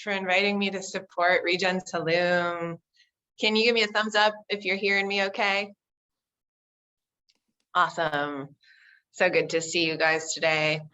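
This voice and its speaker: A woman's voice: mid-range voice, sharp tone, clean tone, lo-fi sound. A woman from the United States, an architect presenting on a video call, upbeat and enthusiastic with frequent ums. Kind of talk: online meeting presentation. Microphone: computer mic on video call.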